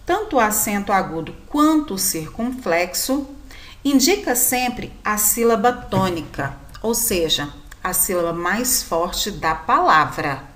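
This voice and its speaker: A woman teacher, giving a slow, clear, sing-song recorded grammar lesson for children. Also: mid-range voice, very animated, fairly bright tone.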